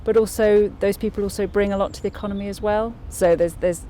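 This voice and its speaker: A woman's voice: medium pitch, steady tone, fast talker, warm tone, slight background noise. A woman, a local councillor answering interview questions thoughtfully, with many restarts and fillers.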